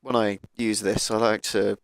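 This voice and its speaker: A man with a croaky voice from a cold, casually talking through car tuning as he plays a game on a cheap microphone. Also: lowish voice, level tone, normal speed, no echo, studio quality. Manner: thinking aloud, laid-back, with fillers. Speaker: gaming YouTuber. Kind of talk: casual gameplay commentary.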